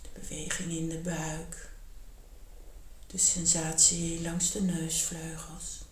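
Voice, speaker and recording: Slow, soft-spoken woman guiding meditation. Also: low-pitched, a little hiss or hum. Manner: slow, calm and soothing, often half-whispered. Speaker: yoga and meditation teacher. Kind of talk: guided meditation and yoga instruction. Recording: echoey room.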